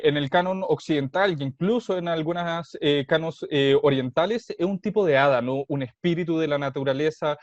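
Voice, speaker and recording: A man from Chile, a co-host explaining a tabletop roleplaying game in a thoughtful, measured way with some hesitation. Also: a little high, darkish tone, no echo. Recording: dull, dry, muffled sound.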